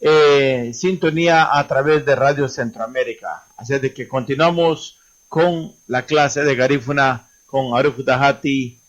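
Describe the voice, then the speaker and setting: A man's voice: medium pitch, fairly even intonation, measured pace, highs cut off. Male radio host, formal announcer.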